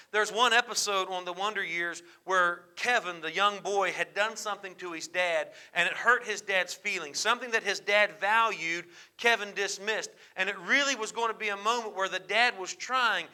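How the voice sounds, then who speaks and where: A man teaching a church marriage class, animated, acting out quoted dialogue and swinging from loud to hushed. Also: sits high, smooth.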